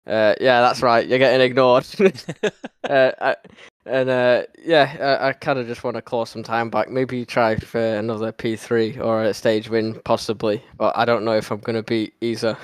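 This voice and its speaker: A man's voice: mid-range voice, little pitch movement, normal speed, clear, resonant tone, dry recording. A man, a sim racing driver, answering interview questions with self-mocking laughs. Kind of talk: interview on a stream.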